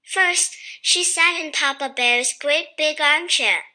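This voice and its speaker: A woman tells a children's fairy tale at an unhurried pace. Her voice sits high and sounds very bright, and she keeps the storybook delivery slow and even throughout. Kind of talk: scripted storybook narration.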